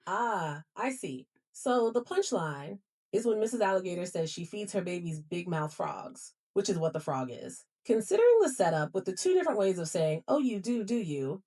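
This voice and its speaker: A woman's voice: mid-range voice, very animated, moderate pace, mellow. A woman's voice as a smart home assistant, answering politely and accommodatingly. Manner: polite, accommodating, formal address. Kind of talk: assistant replies.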